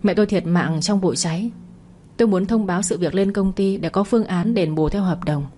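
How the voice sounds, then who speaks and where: A woman's voice: mid-range voice, a little fast, warm tone, natural voice. A woman voicing a scheming, greedy middle-aged husband who blusters and gets defensive, in a storybook narration. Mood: businesslike.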